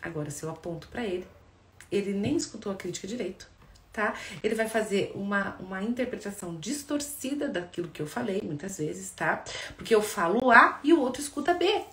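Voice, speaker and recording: A woman with a Brazilian accent, a psychologist explaining things in a lively way and often checking in with her listeners. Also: mid-range voice, fairly quick. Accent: Brazilian Portuguese. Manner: lively, addresses listeners directly with frequent checks. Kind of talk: explanatory talk to viewers. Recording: echoey room with faint background noise.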